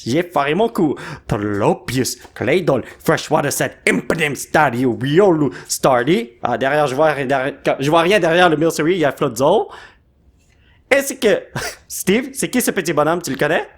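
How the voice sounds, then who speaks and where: A man's voice: fairly high pitch, animated, normal speed. A man with a Québécois French accent, hosting a card pack opening video. He rattles off card names and jokes with his son. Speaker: YouTuber host.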